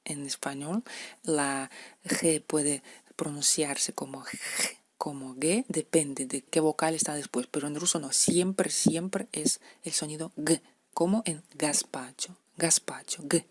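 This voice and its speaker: Slow, low-voiced woman teaching letters. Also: steady tone, a little mellow, husky, no room sound. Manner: patient, repeating example words slowly. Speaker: language teacher. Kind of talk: explaining letter pronunciation to beginners.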